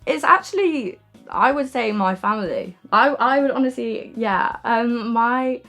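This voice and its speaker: This young adult woman's voice is on the high side, fairly bright and expressive, and a little slow. She's an artist speaking openly and casually in an interview, frequently saying "like" and "um," while music plays behind her.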